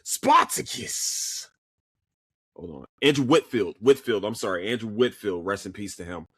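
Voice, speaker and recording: On the low side and husky, the man's voice keeps a measured pace as he hosts a podcast alone. With a Philadelphia accent, he chats casually about shows he's watched, animated and swearing freely, with frequent restarts and stammered repeats. It's a dry, studio-quality recording.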